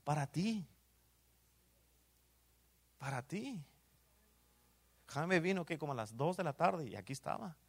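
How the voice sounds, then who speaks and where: A man with a Mexican Spanish accent preaching a sermon in church, dropping to hushed asides and rising to loud exclamations, often saying amen. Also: a little high, sing-song, a little slow, creaky, long pauses. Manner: swings between hushed asides and loud exclamations, repeats "amén".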